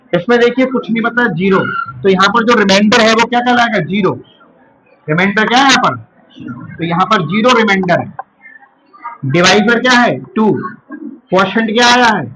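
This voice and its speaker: Male math teacher from India, high voice, drills terms by repeating them, noisy recording. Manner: asks questions and answers them himself, repeats key terms slowly. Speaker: school teacher. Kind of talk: classroom math lesson.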